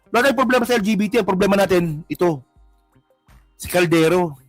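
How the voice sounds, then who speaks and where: A man's voice: high voice, brisk, no room sound, faint music behind. A man with a Filipino accent giving casual political commentary, mocking and rambling as he reacts to clips. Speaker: commentary vlogger.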